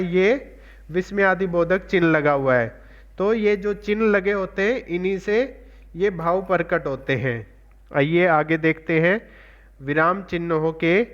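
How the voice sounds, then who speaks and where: A man teaching a classroom grammar lesson, explaining slowly and repeating his examples. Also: high voice, a bit bright. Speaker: assistant professor and teacher. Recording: dull lo-fi recording.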